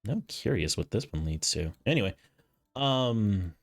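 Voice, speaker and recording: A man's voice: on the low side, animated, a little slow. A man giving casual gameplay commentary as a streamer, sometimes reading choices aloud. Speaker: game streamer. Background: game music.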